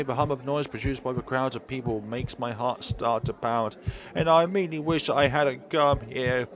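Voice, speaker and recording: Game music and a noisy background accompany this man's mid-range voice as he reads a visual novel aloud for a let's play. He alternates narration with casual asides and now and then stumbles and corrects himself.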